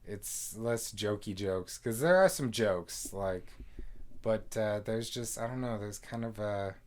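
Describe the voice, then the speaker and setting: A man's voice: on the low side, unhurried. Casual rambling male movie reviewer. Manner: rambling, filler-heavy, laughs often. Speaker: co-host of a movie review show. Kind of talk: casual conversational film review.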